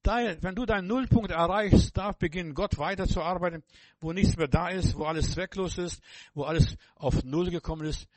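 A man preaching a sermon, emphatic and repetitive, speaking straight to the listener and swinging between loud exclamations and hushed passages. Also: high voice, normal speed, dry recording.

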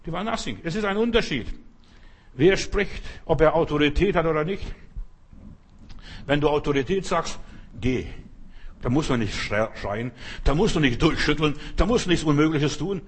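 A pastor preaching an emphatic sermon full of rhetorical questions. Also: male voice, fairly high pitch, lively intonation, moderate pace, breathy edge.

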